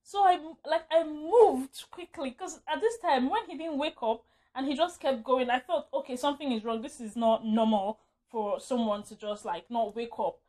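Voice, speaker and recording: Woman rambling through a storytime vlog, keeps laughing and correcting herself, slightly high voice. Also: moderate pace, a little mellow. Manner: rambling, self-correcting, laughs often while telling. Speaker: vlogger.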